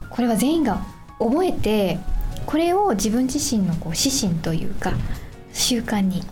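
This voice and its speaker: Woman, animated intonation, guest coach, casual polite conversation, music behind. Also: on the high side, a little slow.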